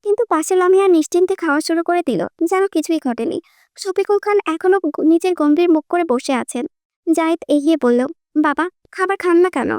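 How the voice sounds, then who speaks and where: Very high-voiced woman narrator. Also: fairly quick, no room sound, studio quality. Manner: lively storytelling. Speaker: audiobook narrator. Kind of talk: scripted narration.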